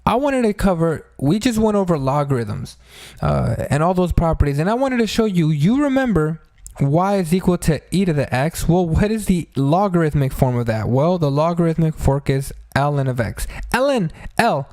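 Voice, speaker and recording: A man's voice: a little high, expressive, normal speed, dark tone, no room sound. A man teaching math in an informal, chatty step-by-step way, talking through a sore, injured throat that hurts when he speaks. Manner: chatty, addresses listeners as friends, step-by-step explaining. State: sore throat, pained to talk after a blow to the throat. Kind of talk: informal tutorial on math problems.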